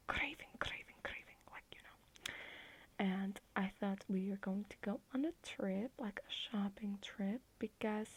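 A woman's voice: mid-range voice, breathy edge, low-quality recording. A young woman whispering as an affectionate, clingy girlfriend in an ASMR roleplay on a video call at night.

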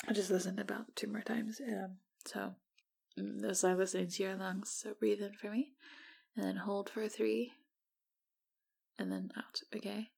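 Husky whispering woman, slow and soft. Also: mid-range voice. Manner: flirtatious, gentle. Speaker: roleplay researcher. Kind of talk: ASMR roleplay.

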